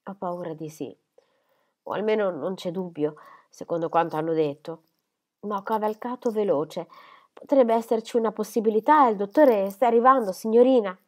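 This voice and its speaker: A woman's voice: mid-range voice, normal speed, natural voice. Woman doing a grave, weary male messenger. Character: tired male messenger on horseback.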